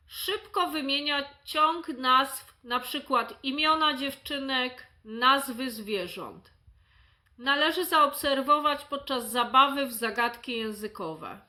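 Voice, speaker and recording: Slow, high, bright-voiced woman therapist. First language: Polish. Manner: slow, careful, articulating example words. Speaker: speech therapist. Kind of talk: reading a checklist aloud.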